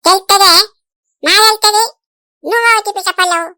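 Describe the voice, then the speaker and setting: A woman's voice: extremely high pitch, fairly even intonation, fairly quick, pushed and bright, dry recording, clean studio sound. A woman voicing a bossy, boastful village diviner in a cartoon, speaking with a Telangana Telugu accent.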